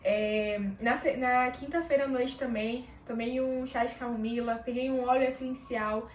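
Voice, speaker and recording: A woman vlogger telling a personal story in a casual, animated way, acting out bits of dialogue. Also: on the high side, moderate pace, a little hiss or hum. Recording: echoey room, mic a bit far off.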